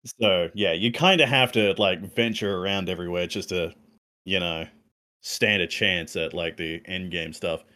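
Laid-back co-host, low voice. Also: male voice, normal speed, bright, forceful tone. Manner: laid-back, rambling, filler-heavy. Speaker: podcast co-host. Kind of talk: casual podcast chat.

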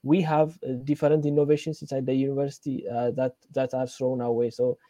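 A young man from Ethiopia, a guest in an interview, telling his story hesitantly with many pauses. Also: medium pitch, level tone, warm tone, dry recording. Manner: hesitant, many fillers and restarts. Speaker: fellowship guest, computer engineering lecturer. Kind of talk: casual interview talk.

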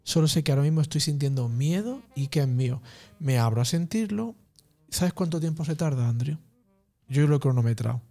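A man calmly explaining emotions as a guest, in a slow, measured, spiritual teaching manner. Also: a little high. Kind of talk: calm reflective explanation.

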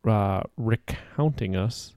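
A man co-hosting a podcast in casual chat, playful and quick to laugh, a little out of breath. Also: fairly low pitch, dark tone, no echo, clean studio sound. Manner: playful, laughs often, hums tunes. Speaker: podcast co-host.

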